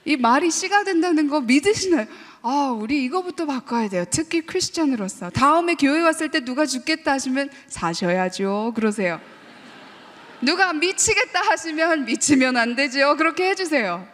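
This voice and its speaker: A woman professor giving a lively sermon-style talk to a church audience, mixing English phrases into her speech and asking the audience questions. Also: sits high, normal speed. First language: Korean heritage, also fluent in English. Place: church hall. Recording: long reverb of a large hall.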